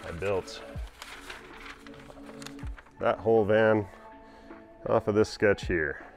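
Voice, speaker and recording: A man's voice: on the low side, steady tone, takes it slowly, vocal fry, soft background music. A man casually walking through his camper van build, explaining plans in a plain, practical way. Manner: plain, practical, talks while pointing things out. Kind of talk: casual walkthrough narration. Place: inside a cargo van in a workshop.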